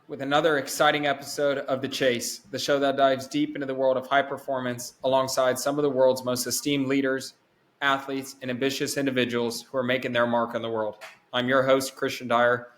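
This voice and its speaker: A male podcast host with a middle-pitched, flat-toned voice opens the show. His delivery is upbeat and announcer-like, then it eases into questions for his guest. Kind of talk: scripted show intro.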